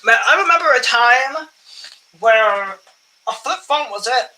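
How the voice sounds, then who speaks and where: A young man with a voice higher than most men's, talking in a loose, rambling way as he sorts coins. His tone is bright and forceful, and he often breaks off to clear his throat and laugh at himself. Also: lively intonation, measured pace, low-quality recording. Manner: chatty, self-amused, often clears throat. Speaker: coin collecting channel host. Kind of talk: casual rambling vlog chat while sorting coins.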